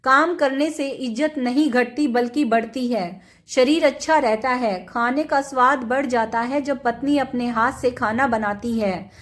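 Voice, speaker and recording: A woman reading a story plays a gentle young husband who reasons calmly and earnestly. The voice stays high for a man, a storybook figure. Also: measured pace, close to an everyday voice. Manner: calm, reasoning.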